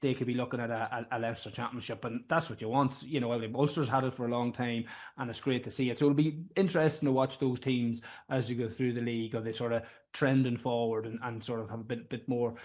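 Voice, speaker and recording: A man's voice: medium pitch, fairly even intonation, quick pace, hardly any pauses, a little mellow. An Irish man in casual sports chat as a pundit, colloquial and blunt in his way of talking. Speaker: Gaelic football pundit.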